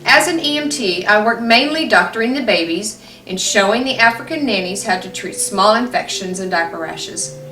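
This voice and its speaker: Earnest woman telling her story slow and steady, echoey room, music playing underneath. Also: mid-range voice. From Tanzania. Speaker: volunteer EMT making a fundraising appeal. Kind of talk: personal storytelling appeal. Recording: roomy, distant mic, music behind.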